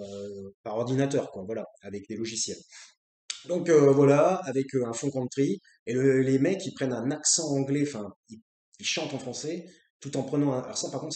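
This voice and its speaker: A man from France riffing alone on his own show, stopping and starting with lots of fillers, blunt and a bit crude. His voice sits at a middling pitch. The room around him is bare and echoey. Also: warm tone. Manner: rambling, many fillers and restarts, blunt and crude. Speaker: host. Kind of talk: unscripted casual monologue.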